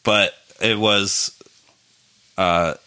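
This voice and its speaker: A man's voice: lowish voice, steady tone, drawn-out words, sharp tone. A man co-hosting a casual podcast, telling stories in a laid-back way with lots of fillers and restarts. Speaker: podcast co-host. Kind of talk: casual chat.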